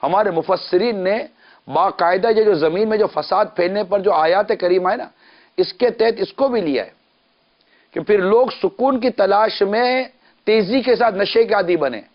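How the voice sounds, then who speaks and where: A man delivers a televised sermon. He speaks emphatically, stacking lists and asking question after question. The broadcast recording sounds slightly dull and lo-fi. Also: high voice. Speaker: Islamic preacher.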